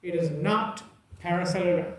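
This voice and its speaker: A man's voice: high-pitched, normal speed. A man lecturing a class in an emphatic, teasing way, repeating key points and checking that students follow. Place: lecture room. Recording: echoey room from far off.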